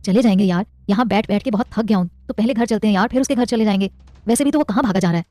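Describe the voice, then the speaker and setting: A woman's voice: mid-range voice, racing, mellow, dry recording, soft background music, natural voice. A woman voicing a playful young man who teases his friend. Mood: tired. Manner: teasing, playful. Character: joking young man, loyal teasing friend.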